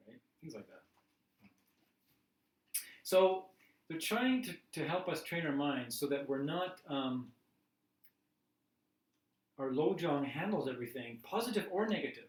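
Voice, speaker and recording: Man teaching, heard from across a room. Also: a little high. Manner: chatty, laughing, acts out little scenes. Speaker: dharma class teacher. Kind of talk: casual teaching talk. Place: classroom. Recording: roomy class recording from a distance.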